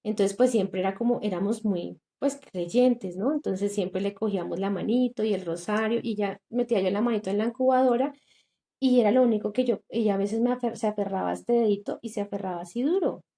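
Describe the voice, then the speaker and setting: A woman's voice: medium pitch, fairly quick, dark tone. A young woman, earnestly recounting a painful personal testimony on a podcast, acting out the voices of people she met. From Colombia. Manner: earnest, recounting with quoted dialogue and many fillers. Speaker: guest sharing testimony.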